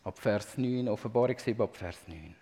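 Passionate preacher in a reverberant hall. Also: male voice, lowish voice, brisk. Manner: impassioned, swelling to loud emphasis then dropping to near-whispers. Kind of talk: sermon.

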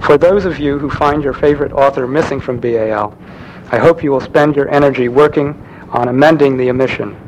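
A man giving a prepared lecture, reading in a measured way with occasional restarts. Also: medium pitch, lo-fi sound, slight background noise.

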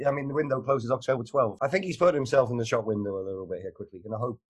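A man's voice: medium pitch, very fast. A man in a casual sports chat, giving opinions and wry jokes. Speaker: co-host.

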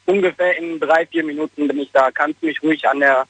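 Male caller on a car hands-free speakerphone, muffled and dull, polite, somewhat hesitant, slightly higher voice. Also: fairly even intonation, fairly quick, a bit bright, no echo. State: driving. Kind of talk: call-in chat.

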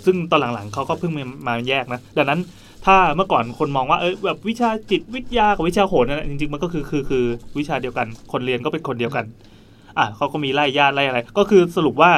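Fast-talking chatty male podcast host. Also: on the high side, a bit bright. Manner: fast, chatty storytelling with frequent repetitions. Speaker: podcast host telling a story. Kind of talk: casual group chat.

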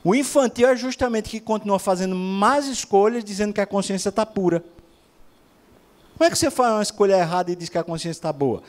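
A man's voice: high voice, fast talker. A man preaching a sermon, asking rhetorical questions and acting out other people's voices.

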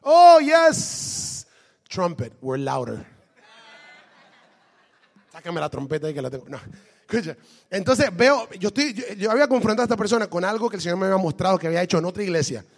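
A man preaching a sermon, lively, switching between Spanish and English and asking the congregation questions. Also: high-pitched, racing, in a large hall. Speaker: pastor.

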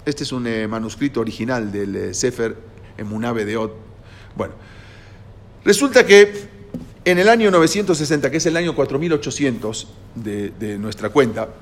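A man with a slightly high voice lectures his class, explaining step by step. He pauses with small hesitations and keeps checking with his listeners.

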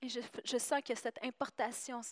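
A woman's voice: fairly high pitch, steady tone, fairly quick, in a large hall. A woman with a Quebec French accent interpreting a sermon live, matching the preacher's rising intensity with small hesitations. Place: church hall.

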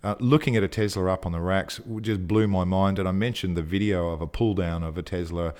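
Deep-voiced and a little mellow, this podcast co-host speaks a little fast with fairly even intonation. In a casual chat he talks with enthusiasm, gushing and sometimes getting a little breathless.

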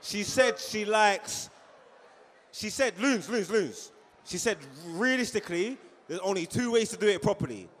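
A man's voice: sits high, animated, measured pace, fairly bright tone, a little hiss or hum. A man with a London roadman accent hosting a live comedy show, bantering insistently and repetitively in street slang. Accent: London, urban street slang. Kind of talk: rowdy comic crowd banter. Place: live venue stage. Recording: echoey hall, long reverb.

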